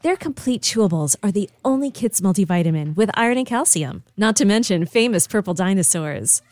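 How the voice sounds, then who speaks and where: A woman reading an ad script with a playful, bouncy lilt, stretching words for effect. Her pitch moves up and down a lot. The recording is dry and close, with no room sound. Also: lively intonation, a little mellow, dry recording. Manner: playful, upbeat delivery with drawn-out words. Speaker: ad narrator. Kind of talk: scripted advertisement read.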